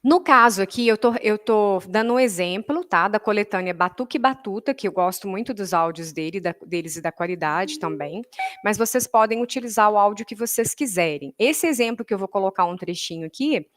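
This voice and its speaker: A woman's voice: medium pitch, expressive, a little fast. Patient woman teaching with a Brazilian accent. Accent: Brazilian Portuguese. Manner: patient and explanatory, checks in with "tá?"; counts beats and speaks names in rhythm. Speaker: music teacher. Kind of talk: online workshop lesson.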